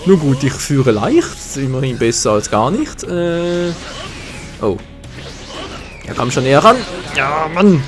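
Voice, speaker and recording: An excitable man with a German accent talks over his own fighting game match, swinging his voice up and down as he cheers and curses. His voice sits a bit high for a man. Game music plays faintly behind him. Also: slow pace, pauses often. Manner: excitable, swears and groans at misses. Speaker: gaming commentator. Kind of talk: live gameplay commentary.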